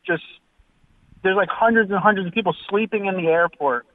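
A man's voice: sits high, a little fast, a little hiss or hum. A male caller to a talk radio show, worried and rambling, often restarting his sentences. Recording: tinny phone line.

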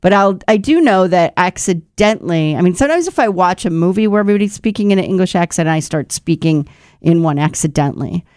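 A chatty woman co-hosting a casual talk show, her voice sitting on the low side. She tells stories easily and laughs along. The sound is close and dry, with no room around it. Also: animated, fast, a little mellow, clean tone, dry recording. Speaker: co-host. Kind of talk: casual chat.

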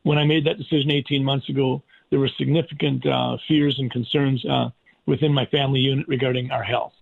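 An American man giving earnest, deliberate and emphatic answers as a radio interview guest, in formal wording. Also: medium pitch, fairly even intonation, gravelly, husky. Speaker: interview guest, doctor and politician. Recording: tinny phone-like line.

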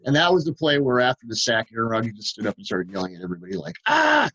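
A man co-hosting a football podcast, rambling eagerly through plays and laughing as he goes. He talks at a medium pitch. His audio sounds dull and lo-fi. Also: vocal fry, husky. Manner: excitable, rambling, quick to laugh. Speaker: podcast co-host, football writer. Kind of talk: casual podcast chat.

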